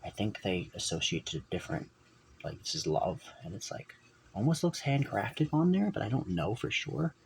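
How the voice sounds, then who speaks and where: A man with a deep, gravelly voice rambles through a personal vlog. He keeps stopping to correct himself and drifts off topic. The camera mic picks up a faint hiss of room noise behind him. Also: sing-song, normal speed, rough recording. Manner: rambling, self-correcting, digressive. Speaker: vlogger.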